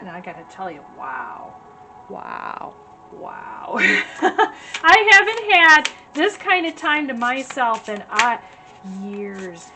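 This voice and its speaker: A woman giving a casual tarot reading, chatty and rambling with many fillers, her voice slightly hoarse as she is losing it. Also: on the high side, bright, forceful tone, slight background noise. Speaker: tarot reader. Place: at home.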